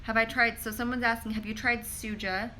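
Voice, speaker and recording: A woman pharmacist reads viewer questions aloud during a casual live stream and answers in a chatty style full of "like," recording on a phone held in her hand. Her voice is a little high, level and sharp, and she talks fairly quickly. The poor audio has a little hiss or hum.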